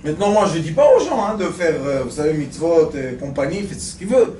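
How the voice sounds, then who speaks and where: A man's voice: fairly high pitch, fairly quick, slight background noise. A male rabbi giving a weekly Torah lesson, animatedly telling jokes and quizzing his audience. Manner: animated, acting out stories, addressing the audience with questions. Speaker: rabbi teaching a weekly class. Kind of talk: Torah lesson with joke storytelling. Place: lecture room at a study centre. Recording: echoey room, mic far off.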